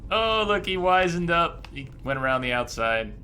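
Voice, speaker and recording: Pitched on the high side with big swings, this man's pushed, bright voice moves at normal speed over video game music and slight background noise. He's livestreaming a game, chatting casually and thinking aloud about his play.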